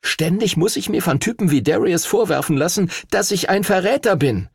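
A man's voice: high-pitched, very animated, normal speed, husky, dry recording, clean studio sound, voice pushed up, exaggerated voice. A man voicing a hot-headed young boy, speaking angrily and defiantly. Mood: bitter. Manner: angry, defiant.

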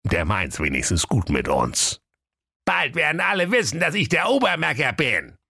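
A man's voice: a little high, huge pitch swings, normal speed, creaky, pushed and bright, husky, no room sound, studio quality, pitched above the performer's own voice, heavily acted. A man voicing a cocky, naive young male web designer as the hero of a comic fairy tale. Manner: boastful, cheeky.

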